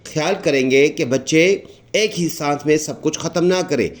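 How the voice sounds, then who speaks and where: A man with a Pakistani Urdu accent giving a patient recitation lesson, explaining each letter and repeating it slowly and drawn out. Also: fairly high pitch. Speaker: Quran recitation teacher.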